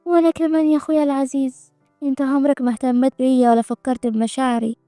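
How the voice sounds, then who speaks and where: A woman's voice: sits high, level tone, rapid-fire, dark tone, no echo, faint music behind, close to an everyday voice. A woman voicing a cocky, jealous young heir. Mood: mocking. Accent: Egyptian Arabic. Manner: mocking, cocky. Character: jealous, hot-tempered rich young man.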